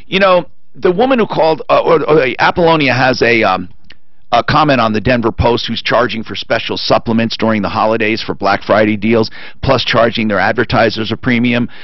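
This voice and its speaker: A man hosts a call-in radio talk show, ranting with strong opinions and emphatic swings in pitch at a brisk pace. He speaks into a studio boom mic with headphones, and the recording is dry with the highs cut off.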